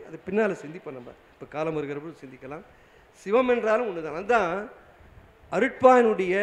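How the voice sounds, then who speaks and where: A man in his seventies giving a spiritual talk and telling a story, often asking his listeners questions. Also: sits high. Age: 70s. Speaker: spiritual speaker. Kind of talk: religious discourse with a story.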